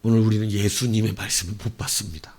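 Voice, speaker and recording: A male pastor preaching a sermon, telling the story with animated bursts as he acts out quoted lines. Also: fairly low pitch, fast talker, breathy edge.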